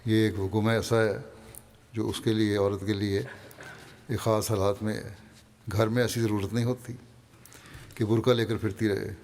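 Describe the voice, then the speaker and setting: A man with a Pakistani Urdu accent delivering a Friday sermon, calmly reading and explaining quoted passages. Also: fairly low pitch, in a large hall. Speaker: religious leader giving a Friday sermon.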